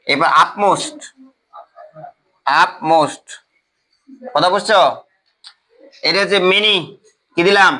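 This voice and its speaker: A man with a high, bright voice lectures a class on grammar. He spells words out letter by letter and keeps stopping to ask whether the students follow. He talks the way a teacher does at the front of a classroom. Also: poor audio. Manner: repetitive, checks often with the class, spells out letters.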